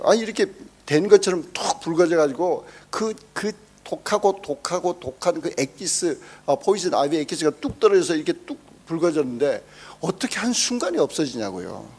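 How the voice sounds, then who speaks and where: A man preaching a sermon, telling a story with animated exclamations and acting out quoted speech. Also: fairly high pitch, husky. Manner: emphatic exclamations. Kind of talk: sermon testimony.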